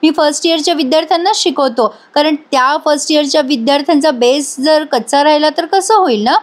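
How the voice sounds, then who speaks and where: A woman's voice: sits high, fairly quick, voice pushed up, close to an everyday voice. A woman reading out the lines of a flustered male college professor in a TV-episode recap. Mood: evasive.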